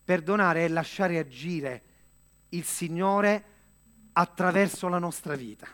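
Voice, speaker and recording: A man delivering a sermon in an earnest, measured way, with dramatic pauses and direct questions to the listener. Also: high-pitched, fairly bright tone. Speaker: preacher.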